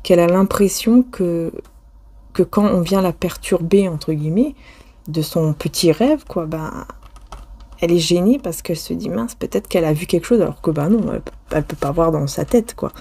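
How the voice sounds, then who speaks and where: A woman's voice: on the low side, moderate pace, mellow, slightly rough, no echo. Hesitant woman reading tarot cards. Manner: hesitant, restarts often, many fillers; addresses viewer directly, intimate. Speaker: tarot card reader. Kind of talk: casual spoken tarot reading.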